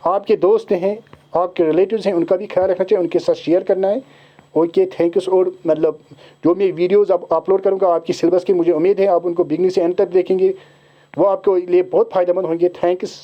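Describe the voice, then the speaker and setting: A male teacher with a Kashmiri accent explaining an exam syllabus to his students, switching into slow, deliberate English at times. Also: high voice, level tone. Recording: dull lo-fi recording.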